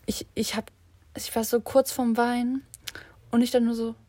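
A woman's voice: fairly high pitch, level tone, moderate pace, mellow, no room sound. A teenage girl rambling casually to her listeners in a slangy way, slipping in English words. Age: teens. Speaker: vlogger.

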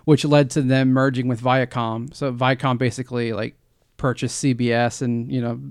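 Mid-pitched guy on a podcast, chill, explains stuff, dry sound. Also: moderate pace, clean tone, no echo. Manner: relaxed, explanatory, many fillers like "you know" and "like". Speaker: podcast co-host. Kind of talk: casual chat.

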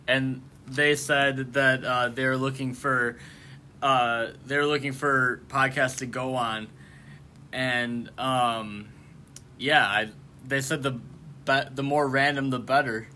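Bright-voiced man with a lisp. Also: medium pitch, steady tone, slow, a little hiss or hum. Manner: laughs often, joking. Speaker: podcast host. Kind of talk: casual podcast chat.

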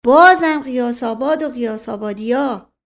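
A woman's voice: on the high side, close to an everyday voice. A woman voicing a folksy, talkative old male servant in a storybook reading. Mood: excited. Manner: excited, rustic.

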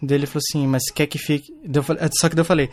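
A man's voice: on the high side, level tone, racing, darkish tone. A young man in casual chat, telling an anecdote with slangy fillers.

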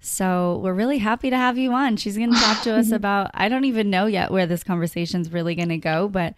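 A woman's voice: mid-range voice, brisk, smooth. A woman hosting a podcast, chatting effusively and laughing often. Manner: warm, giggly, effusive. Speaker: podcast host. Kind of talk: casual interview chat.

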